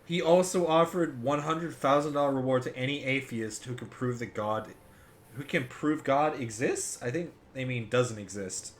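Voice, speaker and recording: A man's voice: medium pitch, moderate pace, a little hiss or hum. Rambling, profane male podcaster. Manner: rambling, profane, reads articles aloud. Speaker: podcast co-host. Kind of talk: casual podcast chat.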